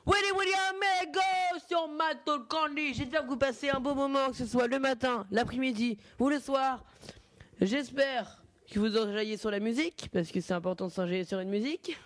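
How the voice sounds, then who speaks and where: A young French man with a notably high voice hosts a homemade radio show, rambling through dates and film picks in a loose, informal way. The sound is dry and close, with no room around it. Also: no room sound. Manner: chatty and informal, with fillers and self-corrections. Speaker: radio host. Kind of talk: casual amateur radio hosting.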